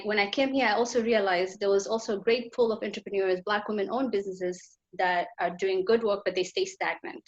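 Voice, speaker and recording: A woman from Somaliland, raised in Tanzania, telling her story as a nonprofit founder in an earnest, lively way on a panel held over a video call. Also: medium pitch, dull audio. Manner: earnest, animated storytelling with laughs. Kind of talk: panel discussion.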